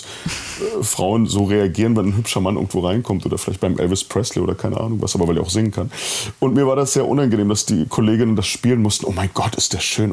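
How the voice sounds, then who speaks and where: Middle-aged male actor as interview guest, low husky voice, personal and halting. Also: darkish tone. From East Germany. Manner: candid, personal, many fillers and restarts. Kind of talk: reflective interview conversation.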